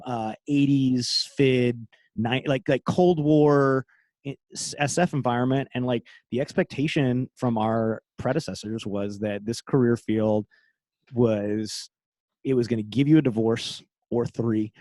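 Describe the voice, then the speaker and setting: A middle-aged man, a former special forces operator, speaking as a podcast guest in casual conversation, candid and quick to laugh. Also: mid-range voice, a little mellow, dry recording. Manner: candid, laughs often, trails off and restarts.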